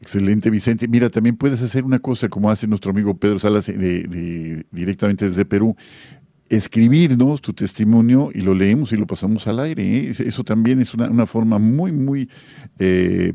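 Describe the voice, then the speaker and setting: This radio host, a man with a Mexican accent, leads a live faith call-in program, sounding warm and pastoral while using many fillers. He speaks low with some vocal fry, in clean studio quality without echo.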